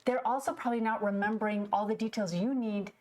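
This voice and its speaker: A woman's voice: mid-range voice, steady tone, fast, a little mellow. A woman co-hosting a fitness podcast, explaining ideas with enthusiasm and sometimes voicing a client's point of view. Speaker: podcast co-host, behaviorist. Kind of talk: casual podcast discussion.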